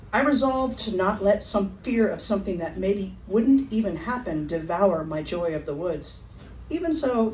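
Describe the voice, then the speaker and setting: A woman's voice: medium pitch, reverberant, far from the mic, slight background noise, poor audio. Wry woman telling a memoir on stage. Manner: wry, animated delivery to a laughing audience. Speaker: storyteller. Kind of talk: live memoir storytelling. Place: stage at a live storytelling event.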